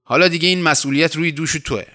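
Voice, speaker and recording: Severe farm mother in a storybook reading, voiced by a man, high firm voice, clipped commands, bright tone. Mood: stern. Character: stern middle-aged widow mother running a farm.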